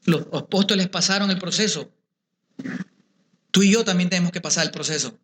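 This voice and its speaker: A man's voice: high voice, brisk, a bit bright, slight background noise. A man giving a preached lecture to pastors at a symposium, putting rhetorical questions and speaking straight to his listeners. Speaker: conference speaker addressing pastors. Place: symposium venue. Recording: echoey room sound.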